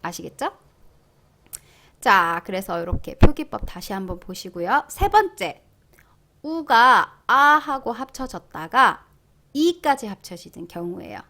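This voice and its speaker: A young woman teaching a language lesson online, playful and lively, drawing out sounds slowly and loudly as she models them. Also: medium pitch. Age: young adult.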